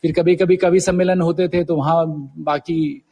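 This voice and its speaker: As an interview guest, a middle-aged Indian man reminisces through stories told in Hindi with English words mixed in. His voice is a little high, husky and dark in tone, with a level delivery at a moderate pace.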